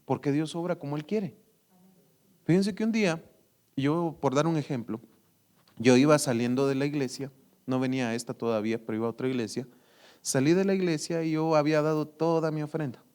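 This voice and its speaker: A man's voice: fairly high pitch, a little fast, clear, resonant tone. A man with a Guatemalan Spanish accent preaching a sermon as a church elder, telling stories with acted dialogue and tagging sentences with "¿va?". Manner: animated storytelling with acted dialogue, frequent "¿va?" tags.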